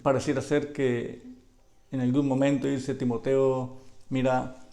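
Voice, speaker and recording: Gravelly-voiced male preacher. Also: mid-range voice, level tone, measured pace. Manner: rhetorical questions, drops to a hush for quoted lines. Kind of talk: sermon.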